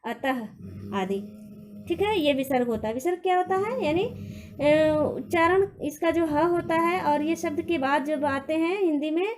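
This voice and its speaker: A woman's voice: very high-pitched, moderate pace, a little mellow, faint music behind. A woman teaching a Hindi grammar lesson to children, patiently repeating points and asking questions of the class.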